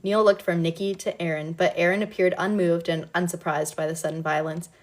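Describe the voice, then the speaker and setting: A woman reading a novel aloud in a relaxed, casual way, now and then breaking off to comment. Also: lowish voice, fairly quick. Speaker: reader.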